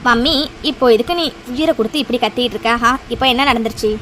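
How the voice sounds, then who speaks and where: A woman's voice: a little high, quick pace, fairly bright tone, a little hiss or hum, lightly acted. A woman voicing a cool, scheming young woman in a cartoon, who talks in a breezy, dismissive way. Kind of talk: cartoon voice acting.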